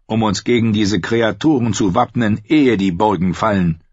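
A man voicing a stern, curt middle-aged king who speaks in a clipped, commanding way with a husky voice. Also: fairly low pitch, moderate pace, darkish tone, dry recording. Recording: dull lo-fi audio.

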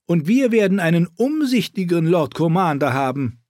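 Male reader as a disdainful queen, high, prim, cutting. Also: big pitch swings, moderate pace, darkish tone, dry recording, clean studio sound. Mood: haughty. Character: cold, haughty middle-aged queen.

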